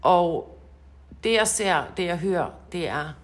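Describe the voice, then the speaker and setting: Low-voiced chatty Danish woman. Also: animated. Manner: chatty, laughing, repeats words. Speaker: podcast co-host and coach. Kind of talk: casual podcast chat.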